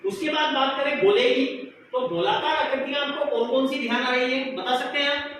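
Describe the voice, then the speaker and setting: A man's voice: very high voice, flat delivery, a little fast, fairly bright tone. A male teacher giving a classroom lesson, asking the pupils questions and answering them himself. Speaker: math teacher. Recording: echoey room, noisy, from far off.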